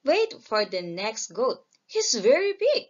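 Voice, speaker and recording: A woman's voice: a little high, wildly swooping pitch, takes it slowly, muffled recording, heavily acted. A woman voicing a polite, hungry middle-sized billy goat.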